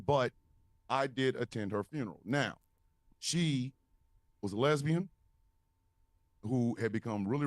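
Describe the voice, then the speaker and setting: A podcast co-host tells a wild story in casual fashion, animated and full of swearing and laughter. His voice is mid-range, with no room sound.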